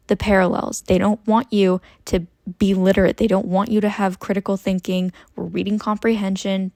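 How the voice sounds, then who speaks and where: A young woman in her twenties chatting casually about her book haul, expressive and prone to tangents. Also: mid-range voice, no room sound. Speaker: book vlogger. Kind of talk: casual chat about books.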